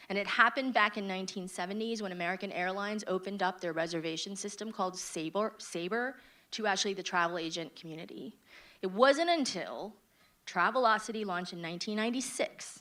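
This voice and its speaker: A woman's voice: mid-range voice, a bit bright. A woman in her forties speaks on a business panel. She explains her ideas in an orderly, point-by-point way and draws in the audience with questions. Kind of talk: panel answer.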